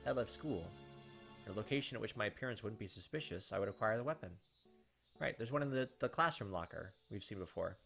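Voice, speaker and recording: A gaming channel host playing a visual novel reads its narration aloud and drops in short remarks of his own. His voice sits on the low side, slightly bright and creaky, and he talks fast and animatedly. The game's background music plays behind him.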